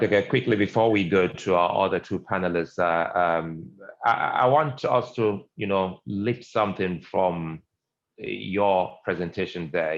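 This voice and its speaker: A deep-voiced man moderates an online panel, asking quick, pointed questions between speakers. His voice comes through a video call with a low sample rate, so it sounds dull and muffled. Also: gravelly.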